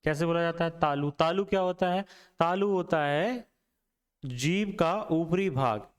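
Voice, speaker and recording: Slowly and with a smooth, slightly high voice, a young male teacher works through Hindi grammar. He pronounces each letter separately, says the sounds again out loud, and puts questions to the viewer.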